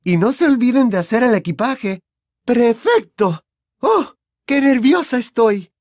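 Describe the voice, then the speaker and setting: A man's voice: very high voice, expressive, measured pace, no echo, studio quality, pitched above the performer's own voice. A man voicing a doting, fussy middle-aged witch mother who gushes over her son. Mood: gushing. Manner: gushing and flustered.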